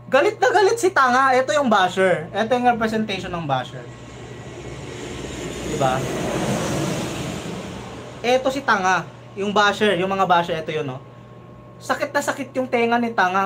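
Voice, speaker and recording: A man with a fairly high voice gives animated live reaction commentary. He keeps asking "di ba?" as he goes, and a faint hum runs under his voice. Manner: animated, chatty, often asks "di ba?". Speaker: reaction video host.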